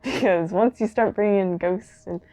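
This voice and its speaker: A woman's voice: mid-range voice, moderate pace, warm tone. Laid-back young woman cracking jokes. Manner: laid-back, jokey reactions. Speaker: podcast co-host. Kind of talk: casual podcast chat. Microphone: studio mic.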